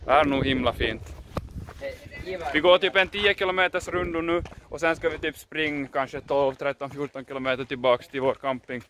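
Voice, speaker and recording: A young man with a Finland Swedish accent vlogs casually outdoors by lakes and in forest, talking into a handheld camera in a fairly high-pitched voice. The windy action-camera audio carries loud noise and crowd sounds.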